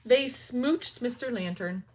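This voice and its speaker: Reading from a kids' picture book, this woman teacher narrates with lively expression, adding brief hushed asides along the way. Her voice sits fairly high, with a little hiss or hum in the audio.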